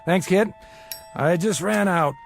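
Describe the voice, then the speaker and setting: In an audio drama, an actor plays a boozy, middle-aged, small-time bookie: a glib, self-deprecating charmer and doting father prone to theatrical flattery. He uses a full character voice that's high-pitched, slow and creaky, slick and jovial in mood, with faint music behind him.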